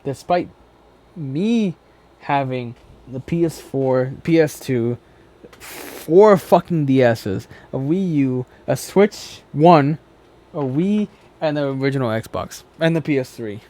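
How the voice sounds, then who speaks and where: A man giving an off-the-cuff ranting reaction, argumentative and sweary, often halting, stumbling and correcting himself. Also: medium pitch, lively intonation, mellow. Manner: halting, stumbling over words, self-correcting. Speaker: reaction commentator, gamer. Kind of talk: off-the-cuff ranting commentary on a video.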